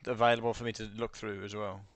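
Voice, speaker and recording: A man's voice: on the low side, flat delivery, quick pace, no room sound. A man playing a tabletop game, asking the game master questions and backtracking mid-sentence. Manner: inquisitive, asks questions, backtracks. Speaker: player. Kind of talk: casual tabletop play.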